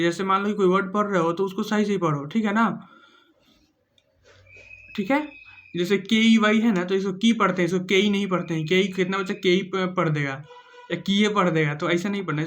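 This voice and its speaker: Guy with a fairly high voice teaching a training class, reads english headings slow then explains in hindi, keeps asking ok?. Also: fairly even intonation, a bit bright. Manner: explains with simple examples, keeps checking "ठीक है ना". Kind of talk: casual exam-prep lecture.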